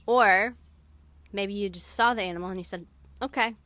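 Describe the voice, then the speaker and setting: A young adult woman hosting a podcast, talking through a calm guided meditation in a soft, soothing, reassuring way. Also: mid-range voice, moderate pace, no echo. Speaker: podcast host.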